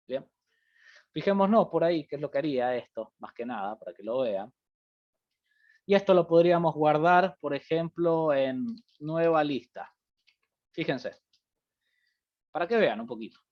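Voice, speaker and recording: Brief: male programming teacher, slightly high voice, talks through live coding on a muffled computer mic. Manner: thinks aloud while typing, many fillers like "fíjense" and "bien". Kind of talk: live-coding class explanation. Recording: dull lo-fi audio.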